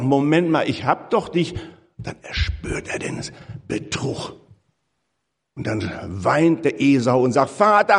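A man preaching a sermon in a church, emphatic and rising on key phrases, warmly addressing his listeners. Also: mid-range voice, creaky, husky. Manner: addresses listeners as "ihr Lieben". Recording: long reverb of a large hall.

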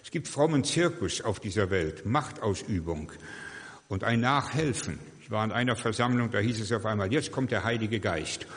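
A man's voice: lowish voice, animated, moderate pace. An older man, a pastor, preaching a sermon and telling stories while acting out the voices of the people he quotes. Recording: long hall reverb.

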